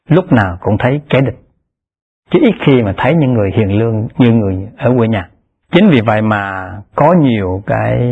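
A man giving a Pure Land Buddhist dharma talk in a measured, repetitive teaching cadence, rising in pitch to stress key terms. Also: breathy edge. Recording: tinny lo-fi phone-like recording.

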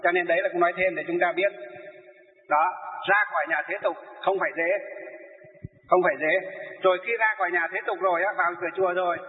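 A man's voice: high-pitched, fast, pauses often. Man, Buddhist monk, sermon, rhetorical questions, long hall reverb, narrow phone-like sound. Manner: rhetorical questions he answers himself, lively storytelling. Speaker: Buddhist monk teaching lay followers. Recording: echoey hall through a tinny narrow line.

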